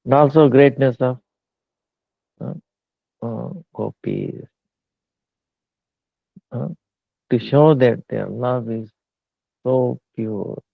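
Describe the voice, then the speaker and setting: A man giving a slow devotional discourse, pausing often with fillers. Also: medium pitch, vocal fry, no room sound. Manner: slow halting talk with many fillers. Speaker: spiritual teacher. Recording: tinny phone-like line.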